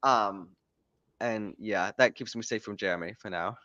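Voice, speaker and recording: Bright-voiced man joking on a podcast stream. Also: lowish voice, normal speed, no echo, muffled recording. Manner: joking, rambling, self-interrupting. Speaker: podcast host and author. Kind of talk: casual livestream chat.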